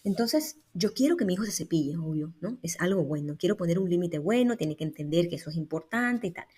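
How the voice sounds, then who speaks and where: A woman hosts a solo podcast about raising kids, speaking to the listener like a friend. Her voice sits on the low side and has a husky, breathy grain. She keeps the talk animated and tosses in frequent little tag questions. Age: adult, raising young children. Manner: lively, conversational, peppered with tag questions. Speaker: podcast host and mother.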